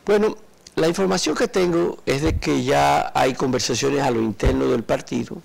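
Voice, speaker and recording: An older man, a political party delegate, explaining in a measured way during a TV studio interview, recorded on a lapel mic. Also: a little high, vocal fry, low-quality recording. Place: TV studio set.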